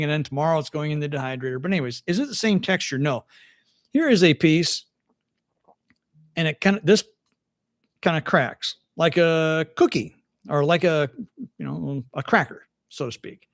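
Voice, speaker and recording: A man's voice: a little high, dry recording, studio quality. An older man hosting a casual livestream chat from home, folksy and chatty, often restarting his sentences. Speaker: host.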